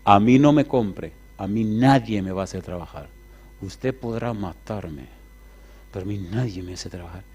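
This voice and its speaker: A man's voice: fairly low pitch, moderate pace, darkish tone, husky, pitched below the performer's own voice. Proud chained strongman who won't be bought, defiant refrain, as a preacher puts him on. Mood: low, bitter. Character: proud defiant enslaved man chained to a post.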